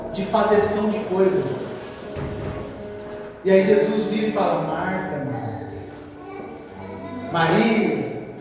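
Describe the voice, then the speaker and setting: High-voiced preacher in an echoing hall. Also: male voice. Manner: emphatic, repetitive, addresses listeners as brother. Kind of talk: sermon. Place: church. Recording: echoey hall from far off, music behind.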